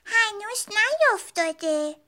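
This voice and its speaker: A woman voicing a curious little girl bear cub, speaking in a drawn-out, childlike, wondering way. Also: very high voice, big pitch swings, bright, forceful tone, voice pushed up, exaggerated voice. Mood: eager.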